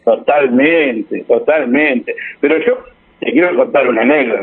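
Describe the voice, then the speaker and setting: A medium-pitched man with an Argentine Spanish accent chats informally as a guest, rambling and frequently starting sentences afresh. It sounds like a phone recording.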